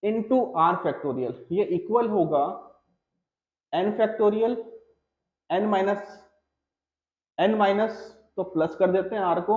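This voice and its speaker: Guy from india teaching math in a coaching class, slow careful steps, roomy echo, kinda dull sound. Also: sits high. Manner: talks through steps while writing, pauses on each term; reassuring, checks in with "theek hai". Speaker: mathematics teacher. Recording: echoey room, slightly dull sound.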